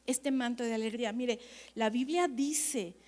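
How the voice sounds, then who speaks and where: A woman pastor, preaching at a leaders' conference in an animated, chatty way, often checking that the audience agrees. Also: on the high side, measured pace.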